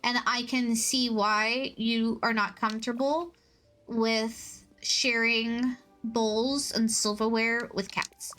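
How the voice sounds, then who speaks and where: A woman's voice: fairly high pitch, steady tone, takes it slowly. A woman streamer chatting casually with her chat while playing a game, rambling and self-mocking, often laughing at her own jokes. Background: soft background music.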